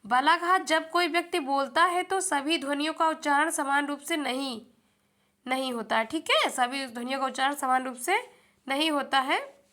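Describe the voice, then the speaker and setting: A young woman with a high, bright voice teaches an exam-prep lesson. She often puts a question to the viewer and answers it herself, keeping a steady teaching rhythm. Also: normal speed. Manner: repeats questions back to the viewer, calls them friends.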